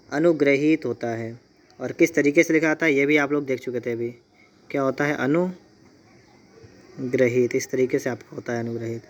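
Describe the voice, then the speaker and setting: A male Hindi teacher from India, giving an exam-prep lesson. He spells words out slowly and keeps checking in with his students. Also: fairly high pitch. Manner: repeats "theek hai" and "dekhiyega", spells words out slowly.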